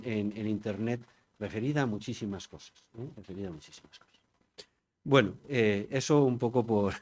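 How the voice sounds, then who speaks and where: An older man from Spain talking to an audience. He is chatty and digressive and keeps turning to listeners with rhetorical questions. His voice is of middle pitch. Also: darkish tone. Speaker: conference speaker. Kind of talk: informal public talk.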